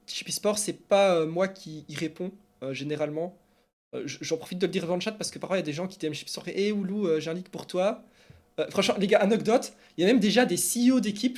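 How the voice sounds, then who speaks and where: A man, streaming esports news and answering viewers in casual, rambling chat full of fillers. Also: high-pitched. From Belgium. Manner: chatty and animated, rambling with many fillers.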